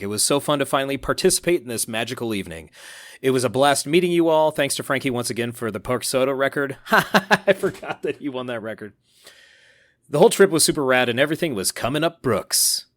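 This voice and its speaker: A man co-hosting a casual podcast, reading listener messages aloud in an upbeat, animated way. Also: mid-range voice, no echo, clean studio sound. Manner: upbeat, reads quotes aloud with animated emphasis.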